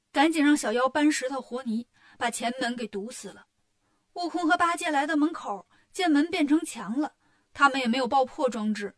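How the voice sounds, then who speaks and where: A woman narrating a children's story in a lively, colloquial way. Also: high voice.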